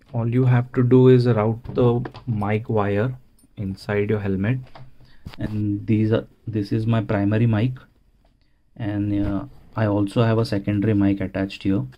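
Guy doing a casual how-to, kinda low voice, pretty monotone, takes his time. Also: lo-fi sound. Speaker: motovlogger, presenter. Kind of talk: casual how-to tutorial narration.

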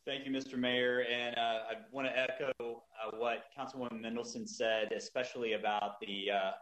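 A man on a city council giving halting remarks at a meeting, with many fillers. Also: mid-range voice, little pitch movement, fairly bright tone, echoey room, low-quality recording.

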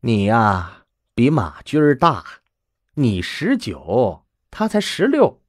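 Man voicing a stern old granny, slow deliberate questions, swooping lively pitch, dry close sound. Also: dry recording, full character voice. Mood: probing. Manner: slow, measured, pressing questions. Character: stern old grandmother, blunt and probing.

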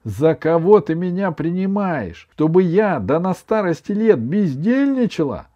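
A man voicing a fussy, bossy old grandmother who cries easily, speaking in a high, loud, indignant scolding tone. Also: very animated, unhurried, highs cut off.

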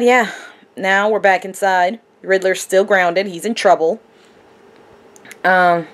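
A young woman chats informally to her camera, as in a personal video diary. Her voice sits at a medium pitch for a woman. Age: young adult. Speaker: vlogger. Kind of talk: casual video diary chat. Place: small wood-paneled room at home.

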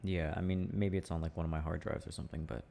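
Speaking fast and on a level tone, this young boyfriend-roleplay audio performer has a very deep, creaky voice. His soft, affectionate chat is mellow, intimate and full of chuckles, with faint noise behind him.

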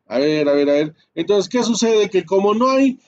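Male instructor, higher-pitched, steps through commands slowly with fillers; dull lo-fi recording. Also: expressive, darkish tone. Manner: explains step by step, many fillers and tag questions. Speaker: networking instructor. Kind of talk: live screen-share class.

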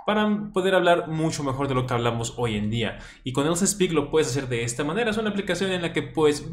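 A man talking straight to his viewers in a casual lesson, eager and chatty, often restarting his sentences. His voice sits a bit high for a man, with a faint hiss of noise behind it. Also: reverberant. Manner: chatty, enthusiastic, with frequent restarts. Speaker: language teacher and channel host. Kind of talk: casual educational commentary.

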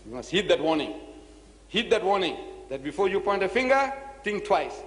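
A man with a high voice delivers a sermon-style lecture. He presses his points with questions and repetition. The recording rings with long hall reverb. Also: sing-song, normal speed, a bit bright. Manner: emphatic, rhetorical questions, repeats phrases. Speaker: Islamic preacher. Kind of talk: preaching lecture to an audience.

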